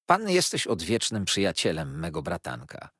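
A man's voice: sits low, huge pitch swings, moderate pace, a bit bright, husky, no echo, studio quality, full character voice. A man doing a blunt old aunt. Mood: brisk. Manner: frank, direct speech. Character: blunt, forthright elderly lady.

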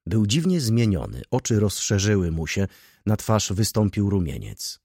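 A man narrating an audiobook chapter with an expressive, measured reading. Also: lowish voice, breathy edge, dry recording, clean studio sound. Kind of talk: scripted narration.

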